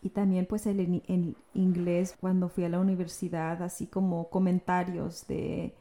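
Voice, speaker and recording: Woman co-host, very warm dark tone, earnest and thoughtful in relaxed conversation. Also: lowish voice, measured pace. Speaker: podcast co-host. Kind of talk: casual conversation.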